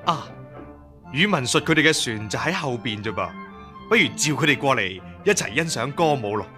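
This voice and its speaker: An actor playing a self-satisfied emperor with a leisurely, regal tone. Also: male voice, mid-range voice, lively intonation, normal speed, pushed and bright. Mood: pleased. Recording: music playing underneath.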